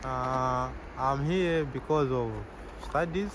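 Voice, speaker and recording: A young man, a medical student answering street-interview questions outdoors in a relaxed, easygoing way. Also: mid-range voice, slow pace, noisy background. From Zambia. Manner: easygoing, chuckles between answers, repeats "yeah".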